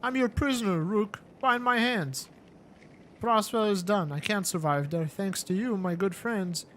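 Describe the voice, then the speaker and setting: A man's voice: high voice, measured pace, a bit bright, slight background noise. A man voicing a sly, mocking male warlord in a story-driven game, speaking in a theatrical manner.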